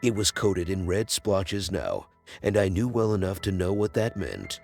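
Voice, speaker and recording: Very deep, gravelly male storyteller. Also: big pitch swings, darkish tone. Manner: measured storytelling. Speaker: horror story narrator. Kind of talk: scripted narration. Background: faint music.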